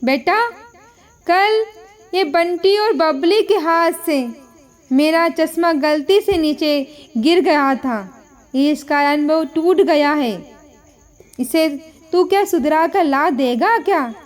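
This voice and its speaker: A woman voicing a gentle, sad elderly mother-in-law who pleads softly in a storybook tale. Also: high voice, slow pace. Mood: sad, pleading. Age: older. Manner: soft, pleading, sorrowful.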